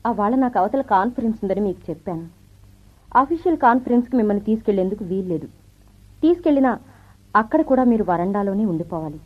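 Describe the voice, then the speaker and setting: An actress playing a confident career wife and officer in an old radio show, brisk and teasing, with the thin sound of a vintage radio broadcast. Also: female voice, mid-range voice, expressive, narrow, tinny audio. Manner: brisk, self-assured, teasing speech with light laughs. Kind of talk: 1970s radio drama acting.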